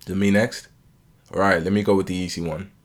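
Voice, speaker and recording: Podcast co-host, British man, very low voice, curious and probing. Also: little pitch movement, quick pace. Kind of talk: casual chat.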